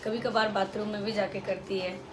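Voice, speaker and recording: A woman's voice: medium pitch, flat delivery, moderate pace, background noise. A woman chatting in a casual home vlog, coaxing her toddler in a sing-song way and explaining daily routines to viewers. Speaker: vlogger, mother. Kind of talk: casual family vlog chat. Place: home, indoors.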